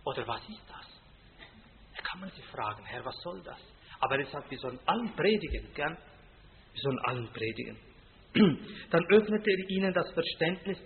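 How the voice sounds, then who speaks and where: A man preaching a sermon, loud and emphatic on scripture, dropping quiet for stories, often ending with a tag question. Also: fairly high pitch, slight background noise. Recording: tinny phone-like sound with long reverb from a hall.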